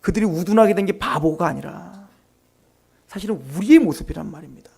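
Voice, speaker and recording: A male pastor preaching an impassioned sermon, firing rhetorical questions at the congregation and dropping to quiet asides. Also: high-pitched, a little fast, vocal fry, breathy edge.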